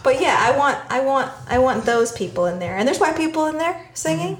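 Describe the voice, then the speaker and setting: A woman's voice: sits high, animated, a little fast, noisy background. A woman in a casual group chat, agreeing readily and joking about herself. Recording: roomy echoey room.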